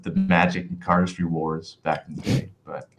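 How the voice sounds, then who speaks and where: A man chatting casually as a livestream host in a halting, rambling, thoughtful way, with livestream headset-style audio. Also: deep voice, level tone. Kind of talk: casual livestream chat answering viewer questions.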